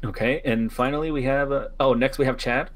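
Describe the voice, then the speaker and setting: A man in his twenties hosting a casual online Q&A, relaxed and jokey, thanking each caller in turn. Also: medium pitch, fairly quick. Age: 20s. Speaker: Q&A host.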